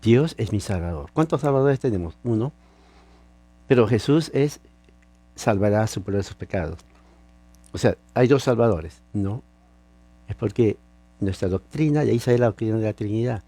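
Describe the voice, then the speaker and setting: Warm-voiced man preaching a sermon. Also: on the low side, expressive, moderate pace, pauses often, no room sound. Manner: emphatic teaching with rhetorical questions. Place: lives in California.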